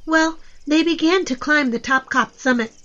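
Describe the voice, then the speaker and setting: A woman's voice: high-pitched, normal speed, fairly bright tone. A woman storyteller narrating an adventure story for children. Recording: slightly dull, lo-fi recording.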